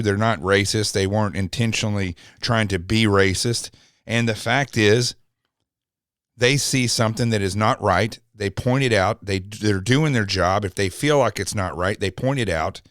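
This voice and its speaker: A man's voice: on the low side, a bit bright, no room sound, clean studio sound. A man hosting a podcast, talking in an indignant, mocking, rambling way about a news clip. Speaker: podcast host. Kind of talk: opinionated commentary.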